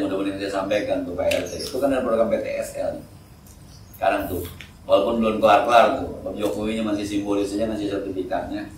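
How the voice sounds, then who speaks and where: Joking preacher in an echoey mosque hall. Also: male voice, on the low side, recorded from a distance, a little hiss or hum. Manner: jokey, animated storytelling with lively voiced quotes. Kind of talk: sermon.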